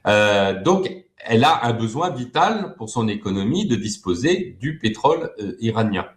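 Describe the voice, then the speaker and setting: A man's voice: on the low side, sing-song, normal speed, echoey room. A man talking as a guest expert in an interview, hesitant, with many fillers and repeated words. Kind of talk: web TV interview.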